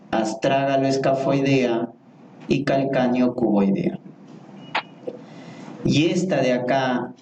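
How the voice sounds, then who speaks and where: A man's voice: medium pitch, a little mellow, a little hiss or hum. A man teaching an anatomy class, repeating each term and asking the students questions. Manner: slow, repeats key terms, asks the class questions. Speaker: anatomy lecturer. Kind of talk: medical anatomy lecture. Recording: echoey room, voice from far off.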